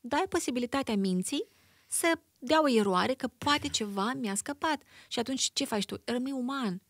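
A woman psychologist, a guest in a conversational interview, explaining in an expressive, animated way and acting out everyday examples. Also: fairly high pitch, dry recording, studio quality.

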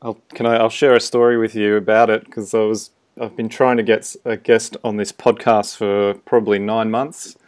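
Clear, lowish-voiced male podcast host. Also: little pitch movement, normal speed, few pauses, darkish tone. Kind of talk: casual interview chat.

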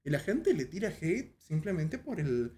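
A man's voice: fairly high pitch, measured pace. A man from Paraguay with a Paraguayan Spanish accent, hosting a casual chat in a joking, slangy manner. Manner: relaxed, joking, rioplatense slang. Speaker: host.

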